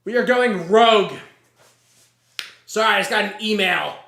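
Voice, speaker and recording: A man's voice: sits high, moderate pace, sharp tone. Hyped man in an echoey room. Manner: repetitive, mock sportscaster hype, catchphrases. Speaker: livestream host. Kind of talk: hyped live tier-list commentary.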